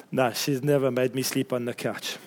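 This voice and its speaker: A man preaching a sermon to his congregation in a church, earnest, with chuckles and asides. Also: mid-range voice. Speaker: pastor.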